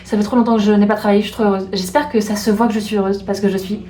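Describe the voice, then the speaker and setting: A young woman from France chatting in a casual home vlog, bubbly and gushing, repeating herself with excitement. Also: medium pitch, racing. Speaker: vlogger. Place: room at home. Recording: echoey room, faint background hiss.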